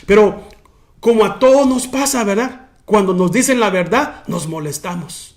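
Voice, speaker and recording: A man, a pastor teaching a sermon in an animated way. He keeps addressing listeners as brother. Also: sits high, moderate pace.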